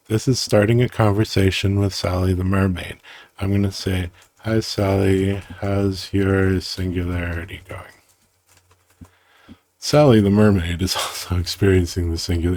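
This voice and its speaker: Low-voiced man, slow, halting and playful, explaining his own system over a dry close mic. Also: a little mellow, no room sound. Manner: halting, self-interrupting, playful, muses aloud. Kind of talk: casual rambling screen-recorded explanation.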